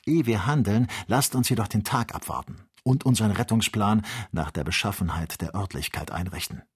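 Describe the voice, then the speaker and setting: A steady, commanding expedition doctor, read by a man, with a low, husky voice. He weighs every word and talks in a measured, reasoning tone. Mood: calm, firm. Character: calm authoritative older male doctor, expedition leader.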